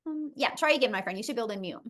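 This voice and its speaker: A woman hosts a live webinar from a video call, speaking in an encouraging, effusive way. Her voice sits slightly high. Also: animated, very fast, a bit bright. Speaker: webinar host.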